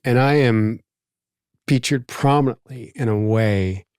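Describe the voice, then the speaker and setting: A man's voice: mid-range voice, measured pace, a little mellow, clean tone, dry recording, studio quality. A man with a Philadelphia accent, hosting a podcast in casual conversation, reflective and rambling with lots of asides. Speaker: podcast host.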